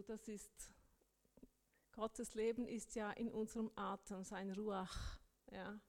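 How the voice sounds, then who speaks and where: Slow, gentle woman host. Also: on the high side. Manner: gentle, encouraging and unhurried. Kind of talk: reflective devotional commentary.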